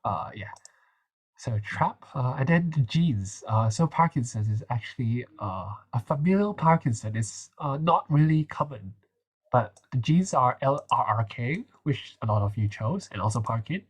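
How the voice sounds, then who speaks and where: A young man with a nasal, slightly husky voice talks through quiz answers. His delivery is casual and hesitant, full of little fillers and restarts. He sounds like a student tutor running a relaxed revision session. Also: mid-range voice, normal speed. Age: young adult. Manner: chatty, hesitant, many fillers.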